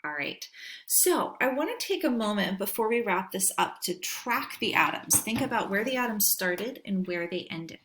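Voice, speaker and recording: A woman's voice: medium pitch, expressive, moderate pace, a bit bright, slight background noise. Woman teacher talking through a screen recording, explains step by step, keeps asking right?. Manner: explanatory, checks in with frequent "right?". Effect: screen recording narration. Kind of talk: screencast lecture voice-over.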